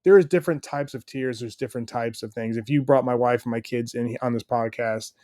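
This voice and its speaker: A man's voice: mid-range voice, brisk, dark tone, no echo, studio quality. A middle-aged man, a stay-at-home dad guesting on a podcast, talking in an earnest, rambling way with lots of fillers. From United States. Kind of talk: casual interview chat.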